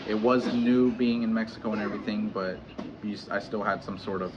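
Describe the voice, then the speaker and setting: A man in his thirties talking candidly in a personal vlog, pausing often and restarting his sentences. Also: fairly low pitch, little pitch movement. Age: 30s. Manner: hesitant, halting, many restarts and fillers. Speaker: vlogger. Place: home in Mexico. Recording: dull lo-fi audio with clear background noise.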